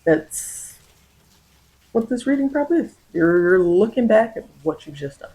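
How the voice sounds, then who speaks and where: Speaking at a middling pitch, a tarot reader delivers an improvised ASMR-style reading, halting and reflective, repeating and reworking phrases as it unfolds. The voice is mellow with big pitch swings, and the audio quality is poor.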